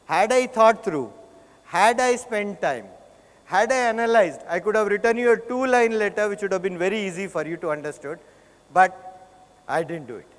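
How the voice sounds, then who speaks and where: A man with a South Indian accent giving a motivational business talk, conversational, telling stories and putting questions to his listeners. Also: sits high. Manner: conversational, puts rhetorical questions to listeners and checks in with them. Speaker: conference speaker. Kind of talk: motivational business presentation with storytelling. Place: large conference hall. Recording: echoey hall with long reverb.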